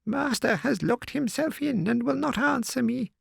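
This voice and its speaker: Shrill old housekeeper woman, as a male narrator puts her on. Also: expressive, moderate pace, gravelly, slightly rough, no room sound, studio quality, exaggerated voice. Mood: anxious. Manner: high quavering pleading.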